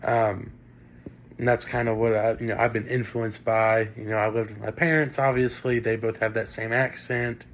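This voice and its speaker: A man's voice: on the low side, flat delivery, moderate pace, a little hiss or hum. Casual Great Lakes Midwestern man. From northern Indiana. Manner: casual, many fillers and restarts. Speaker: student presenting a class assignment. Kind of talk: spoken class presentation.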